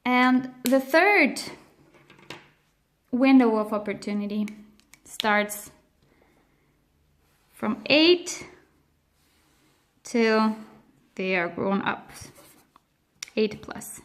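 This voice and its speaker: This woman teaches languages in an explainer video, her slightly high voice carrying a Swiss German accent and lively intonation. Raised on the other side of the globe with Spanish and Swiss German as first languages, she delivers each point unhurriedly and emphatically, with frequent pauses that highlight her key words.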